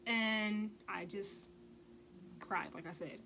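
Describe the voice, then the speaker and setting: A woman with a mid-range, gravelly voice speaks slowly on a rough recording with a little hiss or hum. In a casual vlog she tells a personal story bluntly and emphatically, swearing freely and driving points home with a rhetorical "okay?"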